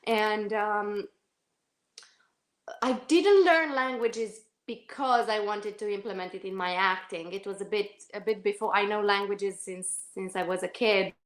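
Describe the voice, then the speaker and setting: In an echoey room, an actress from Romania responds to interview questions thoughtfully, though she hesitates, restarts frequently, self-corrects, and uses lots of fillers. She speaks unhurriedly at a medium pitch with fairly even intonation.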